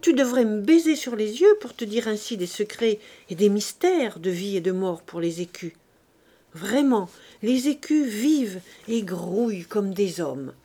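A woman's voice: mid-range voice, expressive, measured pace, dark tone. A woman voicing an old miserly father, coaxing and then hectoring, in an audiobook reading. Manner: wheedling then hectoring, emphatic.

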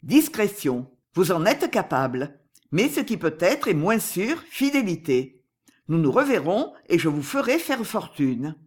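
A narrator voicing a disguised male swindler, calm and commanding, in an audiobook with a husky voice. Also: mid-range voice, a little slow. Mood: cold. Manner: calm, commanding, coolly persuasive. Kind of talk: audiobook character reading.

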